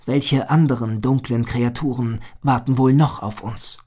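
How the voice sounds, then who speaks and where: A cautious young male animal, thoughtful and wary, as a male storyteller puts him on. He speaks quietly and slowly, at times nearly whispering, in a breathy tone. It sounds like a storybook read aloud. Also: mid-range voice, fairly even intonation. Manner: quiet, half-whispered worry. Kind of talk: storybook reading.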